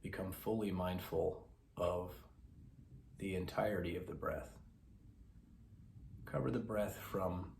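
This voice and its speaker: A man who teaches mindfulness, talking slowly and calmly with long pauses as he guides a meditation. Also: low voice, creaky, reverberant, a little hiss or hum. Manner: slow, calm, pausing instructions. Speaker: mindfulness instructor.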